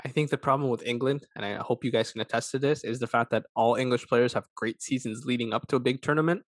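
A man hosting a casual football discussion, his voice at an ordinary middle pitch. He states blunt, opinionated takes. The sound is dry and close. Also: fast, no room sound. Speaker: podcast host. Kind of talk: casual sports chat.

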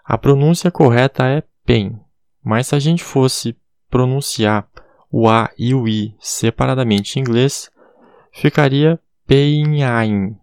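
Male teacher, casual audio lesson, spells words slowly, gravelly voice, middle pitch. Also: darkish tone, dry recording, clean studio sound. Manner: spells words letter by letter, says "tá bom?" often. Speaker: English teacher.

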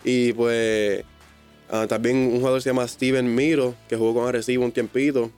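A man with a Puerto Rican Spanish accent, a basketball player chatting casually in an interview, rambling and relaxed. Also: mid-range voice, moderate pace, clean tone, soft background music. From Puerto Rico. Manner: relaxed, rambling, fillers like "me entiendes".

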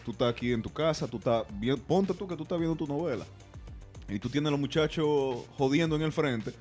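A man's voice: fairly high pitch, animated, a little fast, darkish tone, faint music behind. A man with a Dominican accent telling stories in a casual, slangy way as a podcast co-host.

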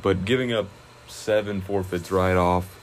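A young man, a high school wrestler, chatting casually in an interview, relaxed and rambling with many fillers and restarts. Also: a little slow, a little hiss or hum, poor audio.

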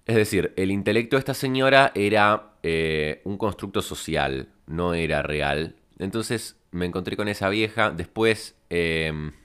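Deep-voiced deadpan Rioplatense man. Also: unhurried, hardly any pauses, clean tone. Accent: Rioplatense Spanish. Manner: deadpan, rambling, absurd tangents. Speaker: podcast host. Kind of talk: comic monologue storytelling.

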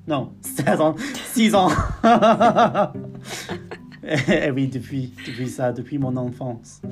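A young man from England co-hosts a podcast in French, his second language, with a clear English accent. He talks at an unhurried pace and jokes, often stopping to correct himself. Faint guitar plays underneath. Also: mid-range voice. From northwest England. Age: young adult. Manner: joking, self-correcting, laughs often. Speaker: podcast co-host. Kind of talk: casual chat in learner French.

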